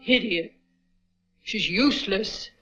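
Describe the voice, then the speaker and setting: A woman's voice: medium pitch, slow pace, bright, forceful tone, lo-fi sound, faint music behind. An actress playing an imperious, scornful old rich woman, heard from a roomy old film soundtrack. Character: old rich woman seeking a young body.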